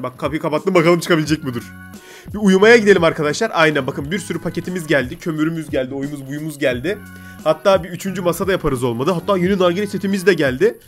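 A man with a stuffy nose from a cold, hosting a casual let's-play and chattily bossing the game's customers around. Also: on the high side. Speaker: gaming video host.

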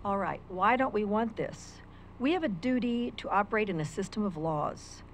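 An older American woman reads a prepared legal argument as public comment at a county meeting, indoors, speaking into a stand microphone at a lectern. She is formal and argumentative, quoting from legal texts. Her medium-pitched voice is expressive at a moderate pace, with a little hiss or hum.

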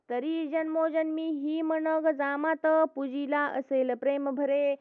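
Woman reciting devotional verse, slow and even. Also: sits high, no room sound. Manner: steady chanting cadence. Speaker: scripture reader. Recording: tinny phone-like dry recording.

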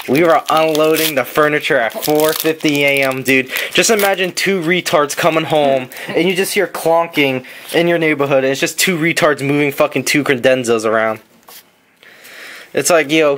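A man's voice: medium pitch, fairly bright tone. A young man hosting a card pack opening, telling long, profane, rambling stories in casual chat in a basement. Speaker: host opening trading card packs. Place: basement room.

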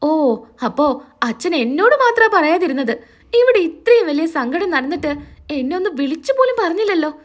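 A woman's voice: very high voice, big pitch swings, normal speed. A woman voicing an emotional older sister who frets over her brother and scolds her family. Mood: reproachful.

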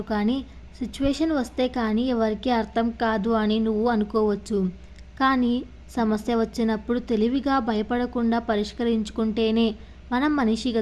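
Lady storyteller doing a caring mom giving a pep talk, earnest, kinda high voice. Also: dark tone, close to an everyday voice. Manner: earnest, reassuring advice. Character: caring widowed mother, calm and encouraging.

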